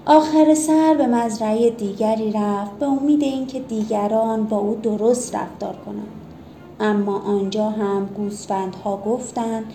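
A woman reading a children's story aloud, gently and expressively. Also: medium pitch, fairly even intonation, slight background noise.

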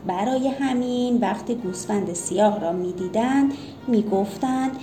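A woman reading a children's story aloud, gently and expressively. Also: fairly high pitch, music in the background.

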